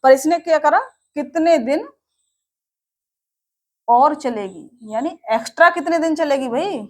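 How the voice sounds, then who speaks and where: A woman's voice: high-pitched, fairly quick, darkish tone. A young woman teaching a maths lesson, explaining each step patiently and asking the class questions she then answers herself. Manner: explains step by step, checks with students, asks and answers her own questions.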